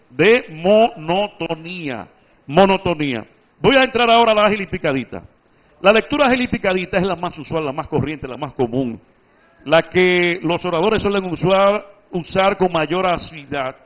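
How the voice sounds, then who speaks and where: A man's voice: high voice, lo-fi sound. A man giving a public speaking workshop, explaining and quizzing his audience. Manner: didactic, addresses audience with questions. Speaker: oratory instructor. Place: workshop at a book fair.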